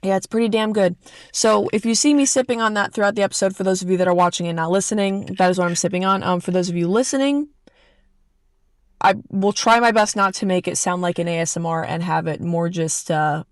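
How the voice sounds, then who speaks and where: A young woman hosts her own podcast in a loose, chatty solo style, wandering into quick asides and correcting herself as she goes. She sits close to the mic, and the recording is dry, with no room sound around her voice. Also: mid-range voice, dry recording. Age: young adult. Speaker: podcast host. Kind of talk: casual solo podcast talk.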